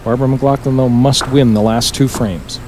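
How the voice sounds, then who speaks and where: A man giving measured, analytical bowling commentary in the restrained manner of a golf commentator. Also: medium pitch, steady tone. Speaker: five-pin bowling colour commentator. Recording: noisy bowling alley broadcast.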